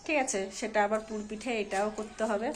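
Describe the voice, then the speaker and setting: A woman with a hoarse voice from a fever, chatting casually to her viewers in a home vlog and checking in with them as she goes. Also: mid-range voice, fairly even intonation, brisk. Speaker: home vlogger and mother. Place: at home indoors.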